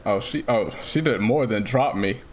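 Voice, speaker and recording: A young man playing a horror game as a streamer, excitable, repeating his lines and jumping into high yelps. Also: normal speed. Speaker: gaming streamer. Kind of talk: casual gaming commentary.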